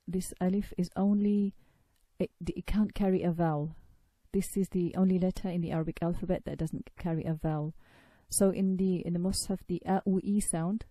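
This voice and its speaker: Dark-voiced woman teaching pronunciation, patient. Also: fairly low pitch, no echo. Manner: patient, demonstrates sounds slowly with drawn-out vowels. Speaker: tajweed teacher. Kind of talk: recorded lesson explaining pronunciation.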